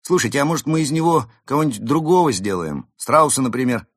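A man voices a greedy, sunny panda who runs a junk shop in a storybook. The voice sits high and swings all over, grabbing at every sale with theatrical glee. A husky grain runs under the brightness, close and dry. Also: quick pace, no echo, natural voice. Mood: coaxing, insistent. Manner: lively, wheedling, theatrical. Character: cheerful greedy male panda shopkeeper.

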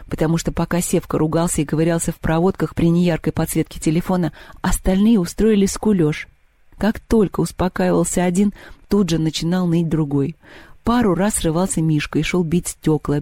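A man narrates a story in an expressive audiobook reading. His voice sits slightly high yet mellow, and the recording is dry and close. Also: no room sound. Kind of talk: scripted narration.

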